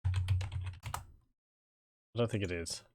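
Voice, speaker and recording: A man giving casual, halting gameplay commentary, thinking aloud as he chats with his viewers. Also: darkish tone. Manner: musing aloud, chuckling, halting. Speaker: video game streamer. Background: game music.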